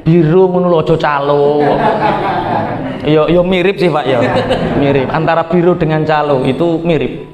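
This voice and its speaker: Javanese guy preaching, jokey storyteller, bit high pitched, echoey room. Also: fairly even intonation, moderate pace, pauses often, lo-fi sound, a crowd in the background. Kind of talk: humorous religious talk. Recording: echoey hall with long reverb.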